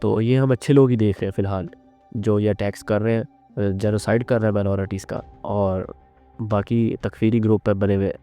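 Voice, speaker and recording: Man, measured analytical commentary, dark warm tone, faint background music. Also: fairly low pitch, steady tone, smooth. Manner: earnest, measured, with frequent restarts and fillers.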